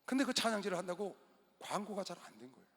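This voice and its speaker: High bright male preacher in a hall. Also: big pitch swings, fast. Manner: storytelling, with sudden loud outbursts and quiet asides. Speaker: pastor. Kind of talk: sermon. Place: large indoor gymnasium used as a church hall. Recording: long reverb of a large hall.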